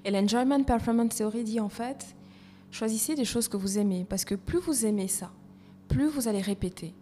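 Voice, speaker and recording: A woman's voice: fairly high pitch, normal speed, mellow. A woman speaking as a podcast guest, thoughtful and often restarting her phrases. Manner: reflective, restarts mid-phrase. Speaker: guest, evaluation coach. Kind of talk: conversational podcast interview. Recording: reverberant room with faint noise.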